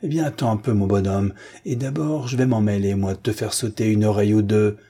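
A man's voice: mid-range voice, a little slow, breathy edge. A man reading an audiobook, voicing a cruel, mocking male gang chief who tortures a captive and taunts him. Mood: furious. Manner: taunting, then furious and shouting.

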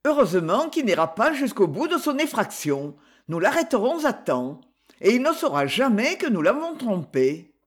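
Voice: big pitch swings, normal speed. A reader voicing a cunning, self-satisfied young man plotting a ruse, in an audiobook. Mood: smug. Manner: low, sly, self-satisfied. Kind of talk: audiobook character voice.

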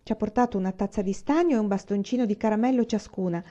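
Woman reading as an excitable young girl, eager, exclaiming, high and bright, storybook. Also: fast talker, muffled recording, natural voice. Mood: excited.

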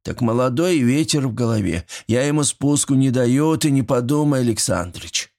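A man voicing an ailing, stubborn old village man with a creaky voice who grumbles. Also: medium pitch, expressive, moderate pace, darkish tone, pitched above the performer's own voice, lightly acted.

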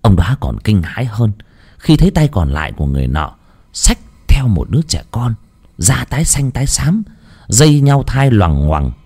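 A man's voice: fairly low pitch, big pitch swings, normal speed, a little mellow, breathy edge. A man narrating a horror story dramatically, shifting his pace for effect.

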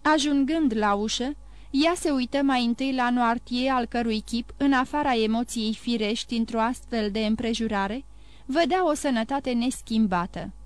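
A woman narrating a classic novel as an audiobook, reading in a measured, expressive way. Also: a little high, clear, resonant tone, no echo.

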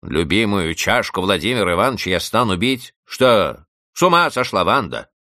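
A man's voice: on the low side, very animated, normal speed, pushed and bright, no room sound, clean studio sound, pitched above the performer's own voice. A man voicing a spiteful, sarcastic middle-aged woman caretaker who scolds a child in a hissing, venomous tone.

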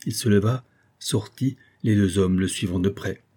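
Man narrating an audiobook, steady and measured, low pitch, dark husky timbre. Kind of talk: audiobook narration of a classic novel.

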